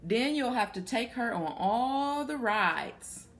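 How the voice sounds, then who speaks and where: Reading a picture book aloud to kids, a young adult woman stops now and then to ask them questions, in a small, plain room indoors. She speaks slowly in a slightly high, somewhat bright voice with lively intonation, and a little hiss or hum is audible.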